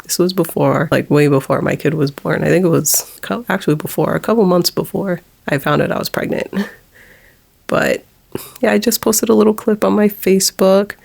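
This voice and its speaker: Holding back tears, a woman in her forties opens up about a personal matter in her vlog, punctuating her halting speech with nervous laughter. Her voice is low, flat in pitch, and creaky.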